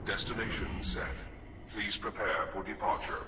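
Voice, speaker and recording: An actor voicing an automated male tram system that makes calm, measured station announcements and countdowns over the intercom. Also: on the low side, distant mic, background noise. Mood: announcing.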